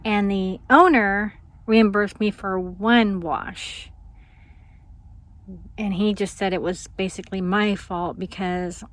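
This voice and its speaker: A woman vlogging casually outdoors in a small town, rambling through a story with lots of ums and laughs, sometimes dropping to a hushed voice. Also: medium pitch, steady tone, slow pace.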